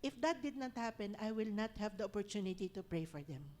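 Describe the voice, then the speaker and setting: A woman pastor with a Filipino accent, preaching an animated, laughing sermon that mixes English into her talk. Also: medium pitch, fairly quick.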